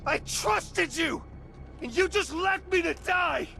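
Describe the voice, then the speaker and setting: A man playing a vengeful masked young soldier who screams threats in a drawn-out, gravelly voice. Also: very high-pitched, sharp tone, faint music behind, exaggerated voice. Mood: furious screaming.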